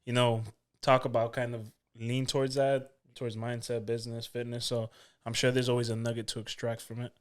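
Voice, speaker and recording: A man's voice: mid-range voice, level tone, brisk. A man co-hosting a podcast, asking questions in an easygoing casual chat. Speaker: podcast co-host, interviewer.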